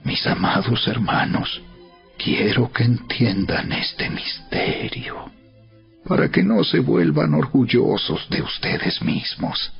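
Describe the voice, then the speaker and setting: A man giving a dramatized Bible narration as solemn, emphatic oratory with deliberate dramatic pauses. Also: medium pitch, sing-song, vocal fry. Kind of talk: dramatized scripture narration, preaching a letter aloud. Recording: dull recording with music behind. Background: background music.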